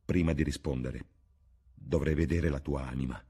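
A man's voice: rumbling low, fairly even intonation, normal speed, warm tone, husky, exaggerated voice. A man reading aloud and voicing a grave, troubled middle-aged painter who speaks earnestly and pleads. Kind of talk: audiobook reading.

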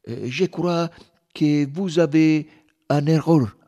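A man voicing a young American man on a train who speaks haltingly, with hesitant fillers. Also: medium pitch, huge pitch swings, slightly rough, muffled recording, pitched above the performer's own voice, heavily acted. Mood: stiff. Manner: halting speech, broken French. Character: young American male traveller, stiff and irritable.

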